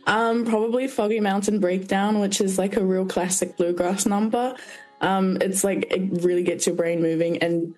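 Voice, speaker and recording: A young woman with a New Zealand accent chats as a guest in a radio interview. She sounds lively and easygoing and uses casual slang. Her pitch is in the middle range, and faint music plays behind her. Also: moderate pace, poor audio. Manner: bubbly and laughing, youthful slang.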